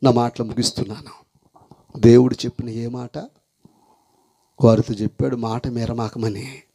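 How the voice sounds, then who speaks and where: Male preacher, fervent sermon, mid-pitched, pleading refrains, sudden shouts and whispers. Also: little pitch movement, moderate pace, gravelly. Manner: repeats refrains, swings from shouting to hushed whispers; pleading and commanding the congregation. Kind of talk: impassioned evangelistic sermon.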